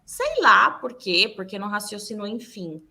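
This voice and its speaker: A woman's voice: mid-range voice, moderate pace. A Brazilian woman hosting a podcast in casual chat, telling candid stories and acting out what people said. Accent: Brazilian Portuguese. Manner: candid, animated storytelling with acted-out quotes. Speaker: podcast host.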